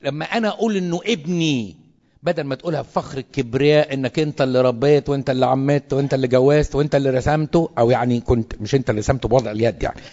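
A man with an Egyptian Arabic accent speaks quickly, a priest addressing clergy in an animated, sermon-like way and throwing out rhetorical questions. His voice is mellow and husky, and the recording sounds dull and lo-fi. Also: medium pitch. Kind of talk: lively sermon-style talk to clergy.

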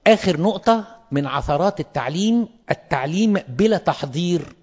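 A man's voice: high-pitched, animated, moderate pace, darkish tone, in a large hall, dull audio. A man with an Egyptian Arabic accent gives a pastoral lecture to fellow priests and stresses points by repeating words. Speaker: clergyman teaching priests.

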